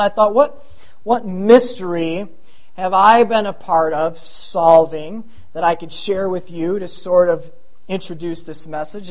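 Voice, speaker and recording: A middle-aged pastor delivers a sermon in a thin, light, high-pitched voice. He chats with his congregation in a self-deprecating way, drifting into asides before coming back to his point.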